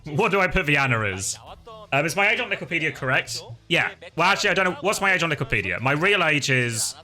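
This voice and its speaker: A man's voice: on the high side, very animated, fast, bright, forceful tone. A man in his thirties co-streaming an esports match, rambling and correcting himself as he talks to chat. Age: 30s. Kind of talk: casual livestream commentary.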